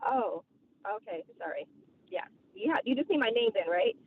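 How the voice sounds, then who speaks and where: A woman speaks over a car speakerphone while she drives, her voice thin and narrowed like a phone line. Faint road hum sits behind her, and her pitch swings widely as she hurries through her words with ums and apologies. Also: expressive, normal speed. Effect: car speakerphone while driving. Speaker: caller. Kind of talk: public testimony by phone.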